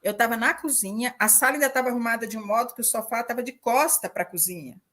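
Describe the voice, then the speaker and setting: Animated woman in her sixties, storytelling. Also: on the high side, fast. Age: 60s. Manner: animated storytelling, laughing often. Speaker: mother, systemic counselor. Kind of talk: casual conversation.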